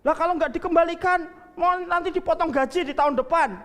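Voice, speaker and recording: A man's voice: very high voice, brisk, fairly bright tone, in a large hall, voice pushed up. A man voicing an earnest young new believer who talks in a pleading, sincere way. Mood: upset.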